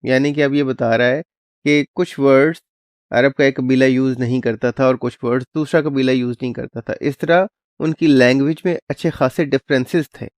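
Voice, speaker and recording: A man's voice: medium pitch, steady tone, darkish tone, dry recording. A man hosting his channel, explaining a clip in a plain conversational way and dropping English words into his speech. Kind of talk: casual explanatory commentary.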